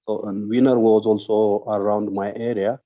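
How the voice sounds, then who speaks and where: A man's voice: on the low side, level tone, moderate pace. A man from Ethiopia, a coffee farmer, answering on a video call, careful and hesitant. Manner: careful, hesitant second-language speech. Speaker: coffee farmer, competition winner. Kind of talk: webinar answer. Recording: dull lo-fi call audio.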